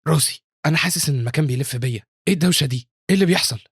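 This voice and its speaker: A man's voice: fairly high pitch, very fast, husky, no echo, clean studio sound, voice pushed up. A man with an Egyptian Arabic accent voicing the inner monologue of a bewildered, bitter young male graduate.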